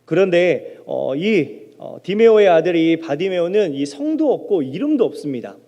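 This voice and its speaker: High-voiced Korean pastor preaching in a hall. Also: male voice, very animated, normal speed, vocal fry, highs cut off. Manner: preaching with rhetorical questions to the congregation, acting out shouted pleas. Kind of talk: sermon. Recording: long hall reverb.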